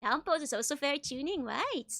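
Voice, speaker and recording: A woman livestreamer chatting casually with viewers in a bubbly, giggly, gushing way, with a high-pitched bright voice. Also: expressive, a little fast, slight background noise. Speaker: streamer, virtual YouTuber host.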